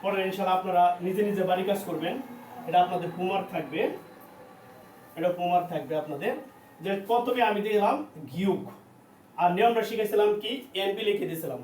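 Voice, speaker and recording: A man teaching a language class, slowly sounding out and repeating syllables for his students. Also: sits high, a little mellow. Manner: slow, repetitive drilling of syllables. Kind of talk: classroom lesson. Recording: echoey room, distant mic, faint noise.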